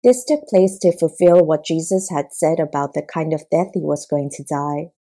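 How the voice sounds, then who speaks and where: A woman narrates a scripture audiobook in a steady, measured way. Her voice is low-pitched and mellow, with no sharpness to it.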